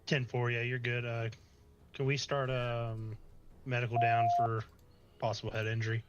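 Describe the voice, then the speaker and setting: A man's voice: mid-range voice, monotone, normal speed. A man calling in over a police radio in a roleplay game, giving terse reports in police codes. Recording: dull lo-fi radio transmission.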